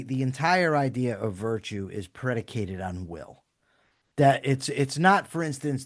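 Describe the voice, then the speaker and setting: A man co-hosting a podcast discussion, speaking in a measured, analytical way. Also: mid-range voice. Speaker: co-host.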